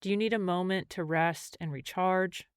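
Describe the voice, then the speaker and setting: A mindfulness and meditation teacher leads a meditation, her voice slightly low, clear and smooth. She talks gently, pausing between measured phrases. The recording is dry, with no room sound or echo.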